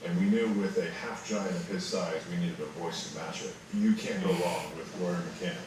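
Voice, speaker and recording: A man's voice: low voice, fairly even intonation, moderate pace, recorded from a distance. A man, a show producer, talking enthusiastically in a promotional featurette. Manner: enthusiastic, praising. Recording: roomy sound with crowd noise behind.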